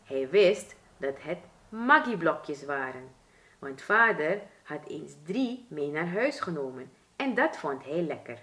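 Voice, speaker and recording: A woman from Suriname with a Surinamese Dutch accent, reading a children's storybook aloud as storyteller in an expressive, deliberate way. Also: low-pitched.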